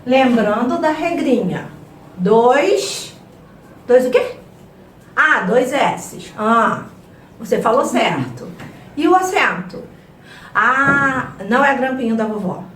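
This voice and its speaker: Brazilian lady teacher talking real slow to little kids, a bit high, kinda far off the mic in an echoey room. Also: animated, a bit bright, slight background noise. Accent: Brazilian Portuguese. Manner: slow, stretched-out words for children, playful. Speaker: primary school teacher. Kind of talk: children's review lesson.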